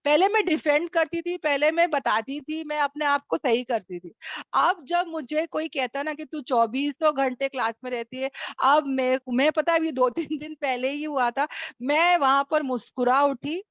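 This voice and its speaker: High-voiced woman teaching a Quran class. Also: moderate pace, dry recording, lo-fi sound. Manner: animated, addresses listeners as sisters; acts out quoted remarks and asks rhetorical checks. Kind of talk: Quran study lesson in Hindi-Urdu. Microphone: online meeting recording.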